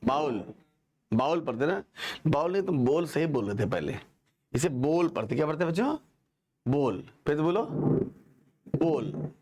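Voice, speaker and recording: थोड़ी ऊँची आवाज़ वाला एक पुरुष शिक्षक, कक्षा में जोश और मज़ाक के साथ पढ़ाता हुआ। बार-बार छात्रों से सवाल पूछता है और शब्द दोहरवाता है।. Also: male voice, on the high side, a little fast. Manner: animated, joking, asks students to repeat. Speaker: teacher. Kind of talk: lively classroom lesson.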